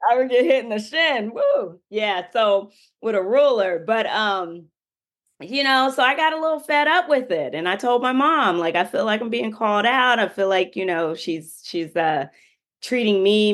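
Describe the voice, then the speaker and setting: A woman's voice: medium pitch, animated, a little slow. A woman telling her life story in a casual interview, chatty and full of "you know" fillers. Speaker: interview guest.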